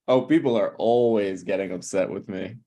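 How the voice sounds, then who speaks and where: At a table read of a TV pilot, a man plays a brazen, scheming slacker screenwriter, blunt and presumptuous with halting phrasing. His voice is fairly low, expressive and a little mellow, and the mood is breezy.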